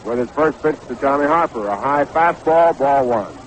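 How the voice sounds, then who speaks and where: An American man calls baseball play-by-play from a stadium broadcast booth in the style of 1960s radio. His voice sits in the mid-range, animated and at a normal speed. The audio is a noisy 1960s AM broadcast.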